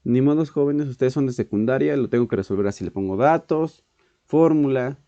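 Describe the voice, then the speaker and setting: A man teaching a physics class, often clearing his throat, correcting himself and checking in with "ok". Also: medium pitch, a little fast, warm tone, dry recording, highs cut off. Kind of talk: online exam-prep physics lesson.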